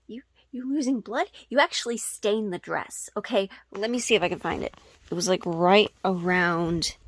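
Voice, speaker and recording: This sewing creator's craft vlog is easygoing talk, full of jokes at her own expense and casual swearing. She speaks in a mid-range, slightly breathy voice, and the recording has no room sound.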